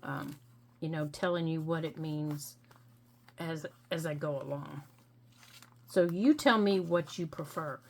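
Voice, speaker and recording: A middle-aged woman hosting a crafting tutorial, explaining each step gently and patiently with frequent ums. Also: low-pitched, measured pace, pauses often. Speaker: crafting channel host.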